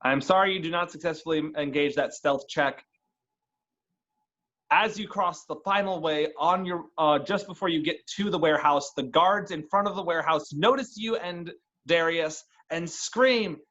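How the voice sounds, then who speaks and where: Guy dm'ing a dnd session, kinda high voice, dull lo-fi sound, keeps restarting his sentences. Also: normal speed, fairly bright tone. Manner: casual, restarts phrases. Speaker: dungeon master. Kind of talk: narrating a tabletop game.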